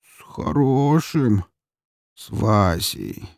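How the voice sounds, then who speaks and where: A man voicing a drunk young man who mumbles, stammers and drags his words out slowly. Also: lowish voice, sing-song, gravelly, darkish tone, no echo, clean studio sound, heavily acted. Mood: drunkenly pleading. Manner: slurred, stammering, drawn-out mumbling.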